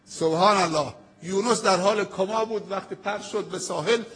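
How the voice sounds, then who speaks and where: A man preaching a sermon with a high, husky voice. He tells the story emphatically, with dramatic pauses, and slows right down when he quotes prayers. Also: fairly bright tone.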